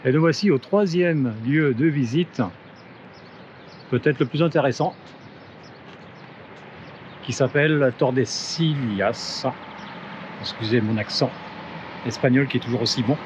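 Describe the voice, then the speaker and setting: Man from France, travel vlogger, loose rambling delivery with fillers, handheld camera outdoors, loud street ambience. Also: medium pitch, moderate pace. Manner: chatty, thinks aloud with many fillers and restarts. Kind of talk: casual travel vlog narration. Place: outdoors in town streets and on a bridge. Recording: muffled with loud outdoor noise. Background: outdoor ambience and wind.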